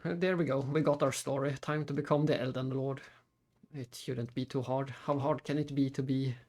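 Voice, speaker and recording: A man's voice: mid-range voice, steady tone, moderate pace, darkish tone. A man live-streaming a game, chatting casually and muttering his thoughts aloud to himself. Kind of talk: casual live-stream chat while playing.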